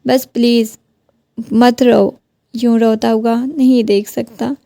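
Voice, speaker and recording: A woman's voice: a little high, flat delivery, vocal fry, mellow, no echo. A woman reading the lines of a stern, defensive young husband in a firm, reasoning voice.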